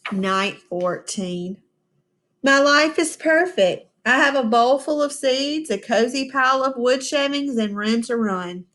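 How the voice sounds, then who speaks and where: A woman's voice: sits high, a little slow, a bit bright, pitched above the performer's own voice. A woman reading the diary of a small worried boy hamster in a dramatic voice. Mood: delighted. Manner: dramatic, swinging between despair and delight.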